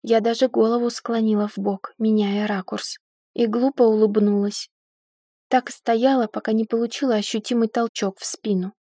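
A woman narrates an audiobook in the first person, telling the story in a lively, ironic way. Her voice is mellow and a little breathy. The recording is close and dry. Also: on the high side, moderate pace, no room sound.

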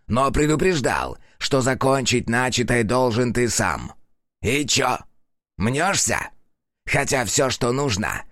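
A man voicing a croaking, sneering tengu demon. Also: mid-range voice, a bit bright, no echo, clean studio sound. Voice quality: croaking, strangled voice. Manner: insulting, sneering, drawn-out words. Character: rude crow-beaked male tengu demon, mocking. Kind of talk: audiobook character voice.

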